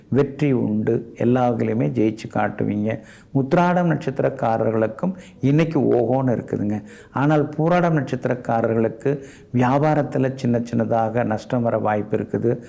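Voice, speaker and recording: A male astrologer reads out the daily horoscope. His voice is gravelly and mellow, and his tone is polite and advising. He ends his sentences with respectful, courteous endings. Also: medium pitch, moderate pace.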